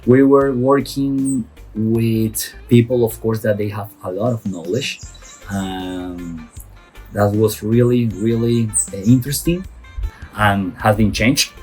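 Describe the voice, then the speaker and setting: Slow, halting man from Colombia. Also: lowish voice, steady tone, darkish tone, faint music behind. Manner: halting, many pauses and fillers. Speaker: program participant. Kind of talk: testimonial.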